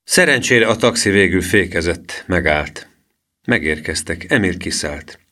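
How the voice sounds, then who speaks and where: Male storyteller, very low voice, steady reading. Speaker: audiobook narrator. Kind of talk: children's book reading.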